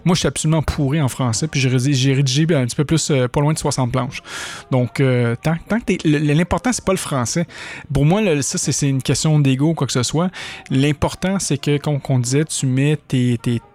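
A Québécois man hosts a casual podcast from his studio. His voice sits a touch high, and he rambles along in chatty talk, his pitch jumping up with bursts of enthusiasm. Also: a little fast, darkish tone. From Quebec. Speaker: podcast host.

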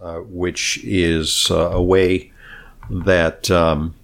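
Male podcast host, slightly hoarse, low pitch, casual and halting delivery. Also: level tone, a little hiss or hum. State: slightly hoarse after screaming at a game. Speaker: podcast and radio host, doctor. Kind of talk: casual talk show chat.

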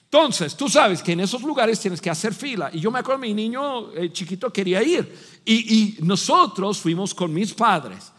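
Lively, bright-voiced man preaching. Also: high-pitched, normal speed. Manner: animated storytelling, acts out voices, shouts and laughs. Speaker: pastor. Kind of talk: sermon. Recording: long reverb of a large hall.

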